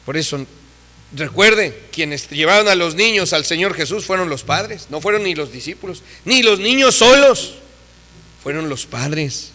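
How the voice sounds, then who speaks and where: A man delivers a sermon in a high, bright voice. He is emphatic, acts out the people he quotes, and swings between loud and soft passages. The church around him adds a long reverb. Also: lively intonation, unhurried. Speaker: preacher.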